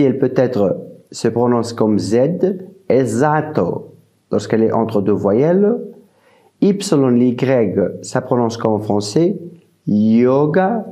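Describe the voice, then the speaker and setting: Slow, mellow-voiced man teaching pronunciation. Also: medium pitch. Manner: slow and deliberate, repeats each example word. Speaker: language teacher. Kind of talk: slow spoken language lesson.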